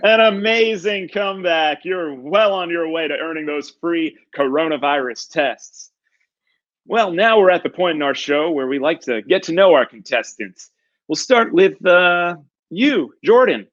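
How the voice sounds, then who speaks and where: Actor as smug male game show host, booming prize-announcer style, raised pitch, slightly muffled recording. Theatrical, drawn-out build-ups. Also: animated, a bit bright. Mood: showy, glib.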